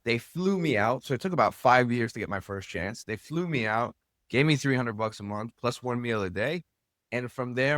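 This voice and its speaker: The medium-pitched, fairly bright voice belongs to an American soccer club owner-coach chatting as a podcast guest. Recorded dry with clean studio sound, he tells casual, candid stories in everyday language, swearing here and there.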